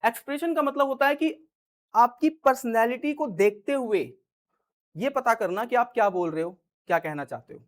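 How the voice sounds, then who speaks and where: Chatty अंदाज़ में पढ़ाता हिंदी शिक्षक. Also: male voice, very high voice, normal speed. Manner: chatty, repeats "ठीक है", acts out example lines in different tones. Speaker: English teacher. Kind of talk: casual Hindi grammar lesson.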